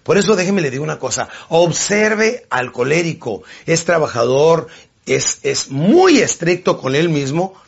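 A man giving an animated motivational seminar talk, slipping into quick character voices. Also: on the high side, vocal fry, husky, dull audio. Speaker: motivational speaker.

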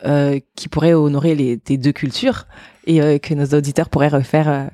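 A woman's voice: deep voice, steady tone, moderate pace, mellow, dry recording, clean studio sound. A woman hosting a podcast, asking questions in a friendly way with hesitant fillers and light laughs. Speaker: podcast host. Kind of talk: interview questions.

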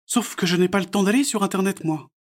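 A man's voice: high-pitched, fast talker, voice pushed up, close to an everyday voice. A man voicing a friendly, confident young woman dancer who talks cheerfully and encouragingly, in a storybook read-aloud.

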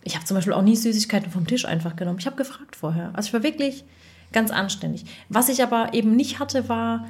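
A woman's voice: a little high, fast. Chatty German woman telling stories. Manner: chatty, animated storytelling with acted quotes. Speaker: dubbing voice actress and mother. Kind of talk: casual chat.

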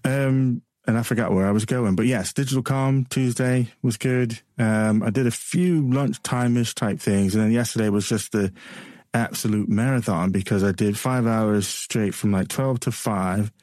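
A man's voice: lowish voice, moderate pace, a little mellow, no echo, studio quality. Chatty transatlantic-accented radio host man. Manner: chatty, rambling, laughs often. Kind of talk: casual on-air banter.

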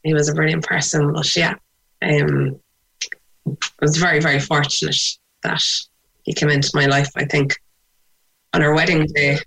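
A woman's voice: deep voice, flat delivery, moderate pace, vocal fry, pauses often, a bit bright, breathy edge, low-quality recording. Woman with a west of Ireland accent. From Sligo, west of Ireland. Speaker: interviewee. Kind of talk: personal interview, recounting memories.

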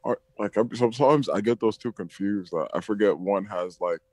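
A man with a fairly low voice talks loosely on a podcast call, his sentences full of "like" and "bro". The sound is dry and close, and at times the line makes his voice sound robotic. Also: normal speed, darkish tone, no echo. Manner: rambling, heavy on "like" and "bro". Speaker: podcast co-host. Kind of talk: casual chat. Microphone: phone call.

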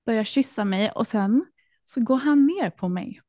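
Higher-voiced woman telling a story, dry sound. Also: no echo. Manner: animated storytelling, acts out quotes. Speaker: podcast host. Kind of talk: casual chat.

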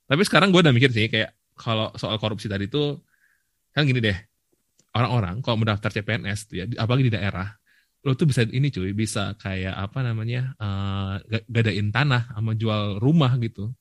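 A man's voice: lowish voice, a little fast, no echo. Young man co-host, dry sound. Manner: relaxed, rambling, mixes English phrases into slangy talk. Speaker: podcast co-host. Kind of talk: casual chat.

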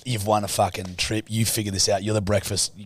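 A man's voice: lowish voice, little pitch movement, a little fast, dry recording. A man with an Australian accent in casual comic banter as a podcast co-host, swearing freely in a blokey, slangy way.

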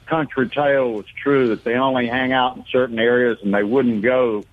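A man speaks over the phone as a caller to a radio show. His delivery is folksy and halting, full of ums and restarts. The sound is a thin, narrow telephone line, with a voice at middle pitch. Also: steady tone. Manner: folksy and hesitant, with many ums.

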